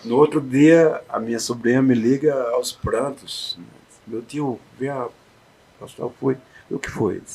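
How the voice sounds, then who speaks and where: Man, husky voice, heartfelt personal storytelling, hushed then rising, interview guest. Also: medium pitch, unhurried. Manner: heartfelt, swings between hushed and loud, encouraging.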